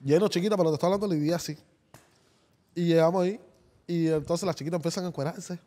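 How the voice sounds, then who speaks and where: A man's voice: on the high side, fast talker. A man, a musician guest on a casual podcast, telling a story and acting out the voices of the people in it. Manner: animated storyteller, acts out voices.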